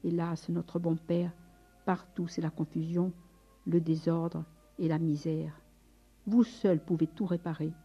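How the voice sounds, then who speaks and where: A woman's voice: fairly low pitch, level tone, measured pace, slightly rough, soft background music. A woman reading aloud the lines of an agitated young male friar who pleads urgently, in a storybook, on a dull recording.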